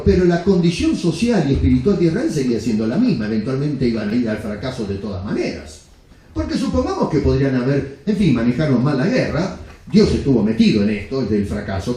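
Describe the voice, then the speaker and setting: A man's voice: medium pitch, warm tone. A man preaching a blunt, emphatic sermon with rhetorical questions. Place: church sanctuary. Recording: very echoey church hall.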